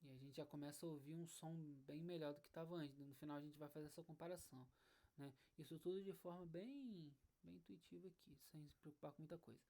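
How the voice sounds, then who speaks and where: Low-voiced woman teaching music. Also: fast talker, mellow. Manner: explanatory, checks in often with "né?" and "tá bom?". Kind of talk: online music lesson. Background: faint acoustic guitar.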